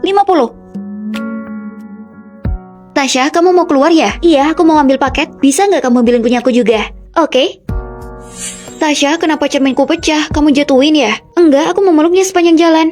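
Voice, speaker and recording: A woman dubbing every role in a short drama, with brisk, clipped line delivery. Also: high voice, darkish tone. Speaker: voice-over dubber of all roles.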